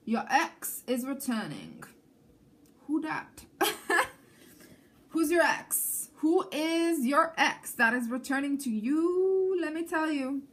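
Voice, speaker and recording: A Canadian woman whose first language is Armenian gives a chatty tarot reading to camera, often checking in with the viewer. Her voice is high, sing-song and slow.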